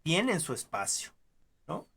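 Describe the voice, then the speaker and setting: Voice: medium pitch, wildly swooping pitch, measured pace, creaky, slightly rough, heavily acted. A teacher playing a patient father. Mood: reasoning. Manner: gentle, reasoning. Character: calm patient father explaining to his son.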